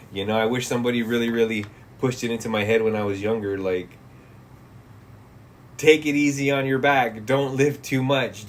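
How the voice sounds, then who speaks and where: With a lowish voice and a little hiss or hum in the audio, a man in his thirties, late thirties specifically, streams live. He reads the chat and replies casually and profanely, laid-back, his words often trailing off into mumbles.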